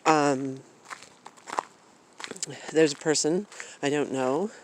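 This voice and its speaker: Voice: medium pitch, drawn-out words, a little hiss or hum, rough recording. A vlogger talking casually into a phone camera at home, rambling with lots of fillers and restarts. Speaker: travel vlogger.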